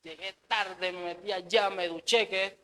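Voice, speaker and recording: Slow, bright-voiced preacher. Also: male voice, high voice, steady tone, low-quality recording. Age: adult, married. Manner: earnest, repeats words and says amen often. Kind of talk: sermon.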